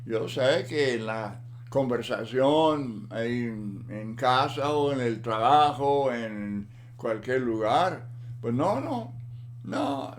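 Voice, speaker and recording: A man giving a Bible lesson in a slow, deliberate manner, often repeating words for emphasis. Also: mid-range voice. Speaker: Bible teacher.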